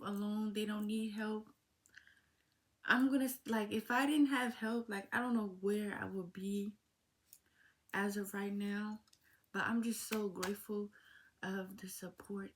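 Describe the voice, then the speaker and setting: An eighteen-year-old woman talking casually to her viewers in a heartfelt vlog Q&A, calling them y'all. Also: mid-range voice. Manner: talks slowly, informal and heartfelt, addresses viewers as y'all. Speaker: vlogger. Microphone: phone.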